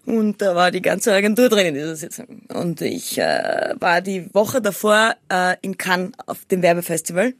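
A woman's voice: fairly low pitch, lively intonation, normal speed, few pauses, no room sound, studio quality. A young woman, co-hosting a podcast and telling a rambling story with many restarts. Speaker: podcast co-host. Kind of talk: casual chat.

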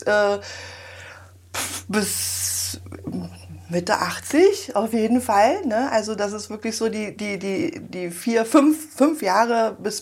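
A woman's voice: medium pitch, darkish tone, husky. A woman in her forties from Berlin, chatting in an interview in a small office and rambling with many fillers. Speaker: guest. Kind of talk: casual interview chat.

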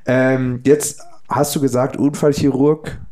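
A man's voice: mid-range voice, level tone, slow pace, warm tone. A man co-hosting a podcast, asking chatty, teasing questions in a casual interview. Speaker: podcast co-host.

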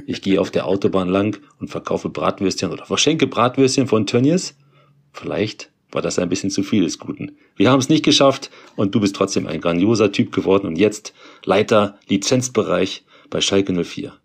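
A man with a rough, raspy and gravelly voice speaks in a recorded video message. He hands out grand, ironic praise, and his voice sits a little low. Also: expressive, normal speed.

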